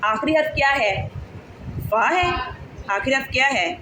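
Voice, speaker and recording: A woman's voice: high-pitched, lively intonation. A woman teaching a recitation class online, patiently drawing out syllables and checking that her pupils follow. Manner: patient, drills syllables slowly and asks pupils check questions. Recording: echoey room with clear background noise.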